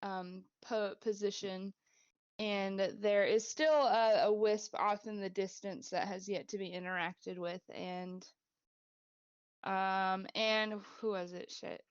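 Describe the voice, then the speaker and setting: A woman narrating a tabletop game as game master, relaxed and hesitant. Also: mid-range voice, slow pace, smooth, dry recording. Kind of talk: running a tabletop game over a call. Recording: dull dry home mic.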